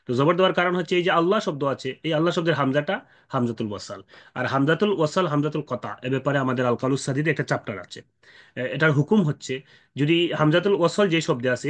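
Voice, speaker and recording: A man's voice: fairly high pitch, fairly bright tone. A man teaching Quran recitation rules, explaining step by step with many fillers and repeated points.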